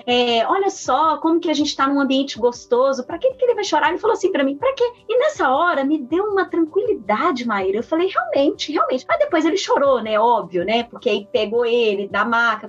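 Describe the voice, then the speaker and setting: Husky, animated woman telling stories. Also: high voice. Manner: animated storyteller, acts out quoted dialogue. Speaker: podcast guest. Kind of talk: casual chat. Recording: dull lo-fi sound.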